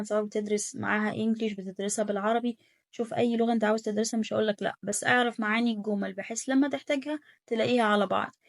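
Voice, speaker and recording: A young Egyptian woman teaching German, rattling along at high speed with a gravelly, fry-laced voice. She repeats words and coaches pronunciation aloud in a relaxed, chatty lesson. The recording is dry and close. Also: dry recording. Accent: Egyptian Arabic. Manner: rapid, repetitive coaching, drills pronunciation aloud. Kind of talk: casual online language lesson.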